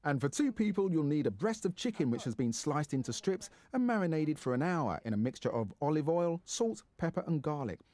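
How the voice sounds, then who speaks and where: A man's voice: on the high side, very animated, fairly quick, hardly any pauses, dark tone, no room sound. A man presenting a food show, narrating with a playful, theatrical delivery and chatting with guests.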